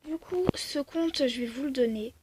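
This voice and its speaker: A woman's voice: sits high, normal speed. A young woman casually commenting on a game she plays, rambling with many fillers. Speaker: gaming video creator. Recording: faint background noise.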